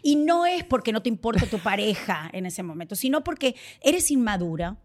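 A woman's voice: fairly high pitch, sing-song, normal speed. A married woman co-hosting a casual panel chat, telling stories with drama and laughter. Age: adult, married. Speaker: co-host.

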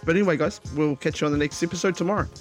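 A man's voice: on the high side, racing, soft background music. A man chatting casually and slangily as a podcast host. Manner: slangy, says bro often. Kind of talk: casual chat.

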